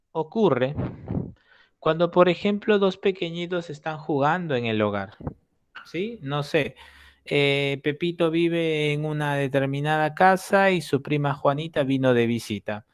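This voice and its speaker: A man teaching an entrance-exam prep class, walking through concepts with acted-out examples. His voice sits fairly high and he keeps checking in with listeners as he explains. The recording is dry and close, with no room sound. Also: no room sound.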